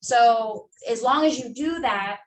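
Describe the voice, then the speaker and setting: A woman's voice: a little high, takes it slowly. A woman in her twenties coaching new sales agents, talking emphatically with lots of fillers. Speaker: sales trainer. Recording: echoey room from far off, faint ambience.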